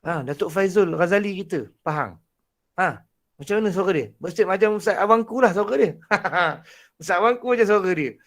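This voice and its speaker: A man with a Malaysian Malay accent and a naturally husky, breathy voice, teaching a Quran recitation class in a lively way, with frequent laughs. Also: high-pitched, fairly quick. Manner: animated, laughs often, demonstrates voices. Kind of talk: online lecture.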